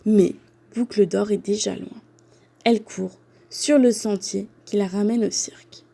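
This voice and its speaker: A woman teacher reading a picture book aloud to children, clearly and expressively. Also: medium pitch, fairly even intonation, a little slow, dark tone.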